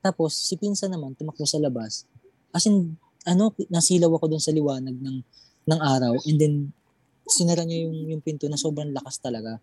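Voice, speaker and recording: A young adult telling a personal ghost story in casual conversation, halting and repeating words while recalling details. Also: medium pitch, mellow, breathy edge, dry recording.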